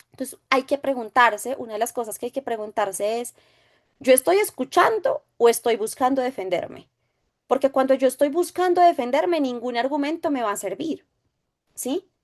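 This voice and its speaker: A woman teaching a recorded faith class, telling stories from her counseling and often checking in with "¿sí?". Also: high voice. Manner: anecdotal, conversational, asks "¿sí?" often.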